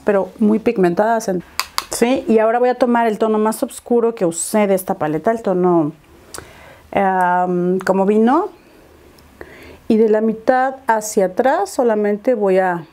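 A woman's voice: medium pitch, mellow. A young woman talks viewers through her makeup step by step, chatting as she works. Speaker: beauty vlogger. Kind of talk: makeup tutorial chat.

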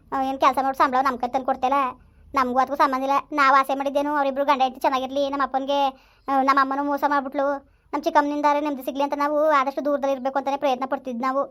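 Lady doing a bitter young woman, rapid-fire complaints, high flat voice, village skit. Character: bitter young woman raising her sister.

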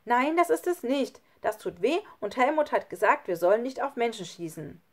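Eine Frau, die in einem Hörbuch einen vorsichtigen, braven Jungen spricht, der eindringlich bittet. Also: female voice, mid-range voice, lively intonation, measured pace. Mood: upset. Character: well-behaved, cautious young boy.

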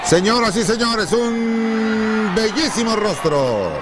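A man's voice: sits high, expressive, slow. A man with a Mexican accent giving florid, grandiose lucha libre commentary as a wrestling commentator. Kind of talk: lucha libre TV commentary with showy announcer phrasing. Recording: noisy old broadcast, very loud crowd. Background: roaring arena crowd.

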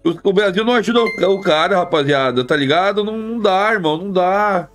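High-voiced slangy male streamer. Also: quick pace, fairly bright tone, soft background music. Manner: slangy, repetitive, talks straight to chat. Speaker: live streamer. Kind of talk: casual live-stream chat with viewers.

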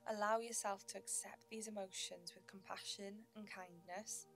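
A woman narrating a guided meditation in a gentle, soothing sleep-story manner, with measured pauses. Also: mid-range voice, steady tone, over music.

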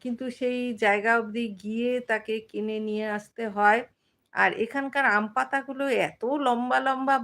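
A middle-aged woman from West Bengal hosting a casual live stream. She chats with viewers, uses many fillers and pauses often to read out their comments. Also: a little high, creaky.

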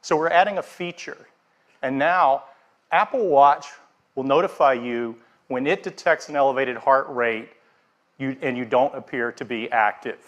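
A middle-aged man giving a keynote on a large theater stage. His delivery is steady and scripted, through a headset mic, with a mid-pitched voice. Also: normal speed, dull audio. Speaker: product presenter. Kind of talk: keynote presentation.

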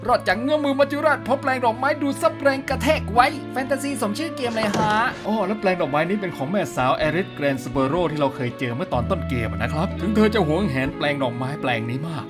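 A man's voice: high-pitched, big pitch swings, quick pace, hardly any pauses. A man doing a comedic game review voice-over, cheeky and slangy, with game music behind him. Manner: playful, cheeky, slangy joking.

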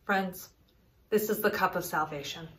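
A woman in her thirties, a pastor, leading prayer and reading scripture in a solemn, measured way from a small room at home. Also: on the low side, a bit bright. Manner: solemn, measured liturgical delivery.

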